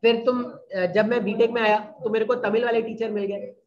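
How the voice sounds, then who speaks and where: His voice sits high with a level tone and a brisk pace as this man leads a relaxed classroom lecture. He frequently checks whether students are keeping up, and the audio is dull and lo-fi.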